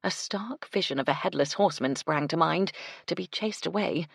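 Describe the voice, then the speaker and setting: A woman reading a cozy mystery audiobook with steady scripted narration. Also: low-pitched, normal speed, gravelly, husky, dry recording, studio quality.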